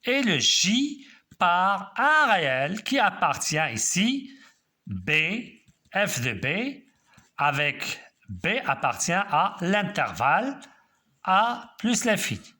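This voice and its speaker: A man teaching a math class, walking students through each step and checking they follow. His pitch sits a little high and swings widely. He speaks slowly with a bright, forceful tone. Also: sing-song.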